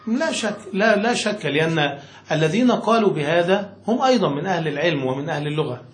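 A man's voice: on the high side, animated, fast. A man teaching Arabic grammar from a classic text, reading passages aloud and often asking if he is understood. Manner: checks understanding with frequent questions; reads passages aloud then explains them. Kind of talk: explaining a grammar text to a student. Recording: echoey room with faint noise.

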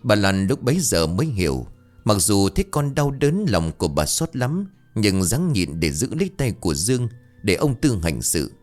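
Low-voiced man telling a ghost story. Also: moderate pace, faint music behind. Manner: dramatic, expressive.

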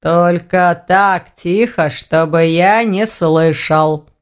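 A woman voicing a gruff old male orc armorer in an audiobook, slow and grumbling with a hoarse low voice. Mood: stern. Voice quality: hoarse bass. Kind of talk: audiobook reading.

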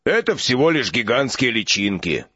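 A man voicing a gruff, touchy half-giant gamekeeper in an audiobook, grumbling his lines. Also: medium pitch, very animated, normal speed, bright, forceful tone, no echo, lo-fi sound, heavily acted. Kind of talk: audiobook character voice.

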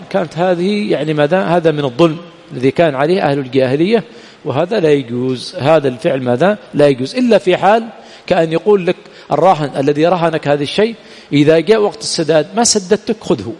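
A man's voice: a little high, darkish tone. A man teaching religious law as a sheikh, who keeps putting rhetorical questions to his students and answering them himself. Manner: keeps asking "what?" and filling in the answer himself. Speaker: sheikh teaching Islamic jurisprudence. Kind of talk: lecture with call-and-response questions. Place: teaching center hall. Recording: long hall reverb.

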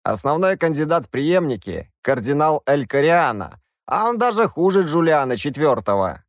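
A man's voice: a little high, big pitch swings, moderate pace, no echo, clean studio sound, pitched above the performer's own voice. A man voicing a hesitant, fussy old court wizard. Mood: cautious.

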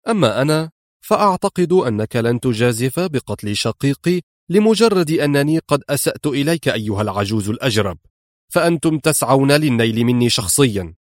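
A man's voice: medium pitch, dry recording, clean studio sound, lightly acted. A man reading an audiobook and voicing a cool, sarcastic adult male hero.

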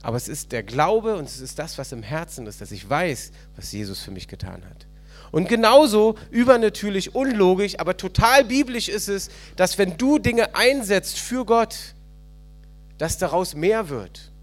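A man preaching a sermon at a church service, retelling a parable with animated storytelling and questions to the congregation. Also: sits high, normal speed, soft background music. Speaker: pastor.

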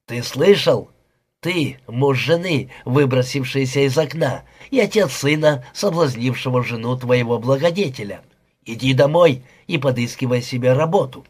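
Audiobook: man reading a sneering, raging young husband with a husky voice. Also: medium pitch, lively intonation, moderate pace. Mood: furious. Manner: sneering, explosive. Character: young jealous husband, furious and insulting.

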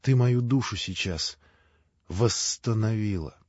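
A male audiobook reader voicing a devout, grieving young man who speaks firmly and quietly, in a dry, slightly dull recording. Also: fairly low pitch, slow, no echo. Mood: earnest. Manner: firm, quiet, heartfelt.

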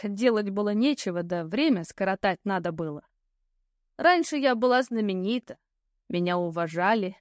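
A woman reading an audiobook, voicing a sly, languid old woman ghost who tells fortunes and smokes cigars, with a slow, mocking drawl. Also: medium pitch, dry recording, clean studio sound, close to an everyday voice. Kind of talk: audiobook character voice.

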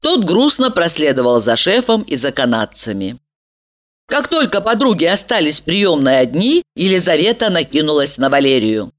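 A woman narrating a novel as an audiobook, in an expressive storytelling style. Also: sits low, normal speed. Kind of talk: scripted narration.

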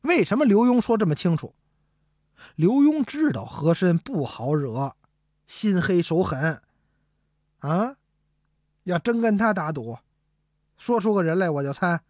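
A woman telling a traditional comic story, animated and speaking straight to her audience. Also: on the low side, unhurried, pauses often, dry recording, clean studio sound. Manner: animated, addresses the audience directly.

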